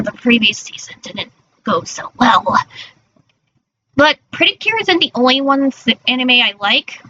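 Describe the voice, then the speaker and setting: A woman streamer speaks in a high, bright, girlish voice with a cute anime flavor. Her chat is casual and halting, with stumbles and self-corrections. The recording is a little dull and lo-fi, with faint noise behind her. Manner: halting, stumbling over words. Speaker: streamer, virtual character persona.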